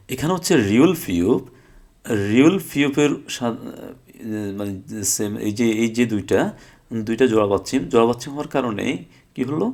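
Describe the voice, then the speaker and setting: A man's voice: mid-range voice, creaky, darkish tone. A man teaching a language lesson, posing questions and answering them himself, repeating phrases and checking in with his listeners. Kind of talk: explanatory lesson.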